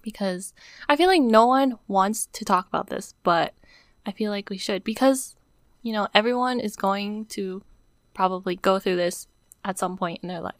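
A young woman on a podcast, one of its co-hosts, chats casually while growing emotional and near tears, with "like" peppered throughout. She has a medium-pitched voice at normal speed, and no room sound is audible.

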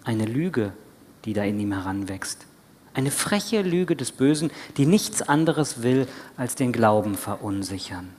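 A man's voice: medium pitch, lively intonation, a little slow, darkish tone, a little hiss or hum. A man preaching a sermon as a retold story, dramatic, now and then dropping to a whisper. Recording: breathy voice in a long church reverb.

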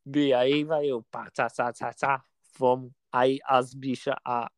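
A Brazilian man from São Paulo state, speaking Brazilian Portuguese with a Brazilian accent, tells an anecdote as a podcast storyteller in a casual chat. His mid-range voice is clear and resonant, level in tone and slow, yet his telling is campy and dramatic, full of slang asides. There's no room sound.

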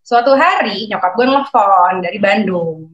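A woman's voice: medium pitch, lively intonation, unhurried, lo-fi sound. Chatty middle-aged woman, roomy sound. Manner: chatty, acts out quoted dialogue, frequent fillers. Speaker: guest. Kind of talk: casual personal storytelling. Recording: roomy echo.

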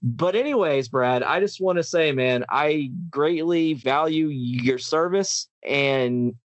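Male podcast host, impassioned ranter, slightly high voice, dry recording. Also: slow, no echo, muffled recording. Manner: ranting, impassioned, repeats words and restarts. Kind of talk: casual podcast chat.

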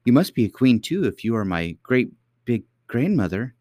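A man's voice: mid-range voice, sing-song, moderate pace, darkish tone, dry recording, studio quality, voice pushed up. A man voicing a timid little princess girl who stammers and hesitates. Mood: curious.

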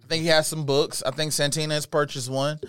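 A man's voice: fairly high pitch, little pitch movement, quick pace, a bit bright, smooth. A man co-hosting a casual talk show, telling profane stories with frequent stammered restarts. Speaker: podcast co-host. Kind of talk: casual chat.

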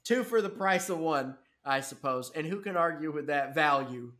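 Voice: mid-range voice, animated, normal speed, fairly bright tone. A co-host in casual podcast chat, playful and joking, laughing often between thoughts.

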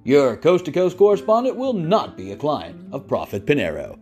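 Man voicing a high, brash radio newsman; punchy headline delivery. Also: very animated, moderate pace, darkish tone, faint music behind. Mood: breathless. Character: brash fast-talking male radio gossip newsman.

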